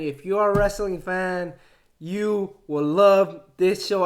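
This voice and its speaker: Male vlogger with a high voice, eager, rambling recap with frequent laughs. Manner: excited, chatty, retells scenes, laughs often. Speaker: wrestling show reviewer. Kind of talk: casual spoken review.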